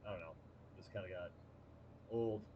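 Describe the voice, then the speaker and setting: A man in his fifties from Wisconsin chats in a relaxed, joking, slangy way. The recording is a bit muffled, with a faint hiss in the background. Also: low voice, moderate pace. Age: 50s. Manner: laid-back, joking, slangy. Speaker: podcast co-host. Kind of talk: casual chat.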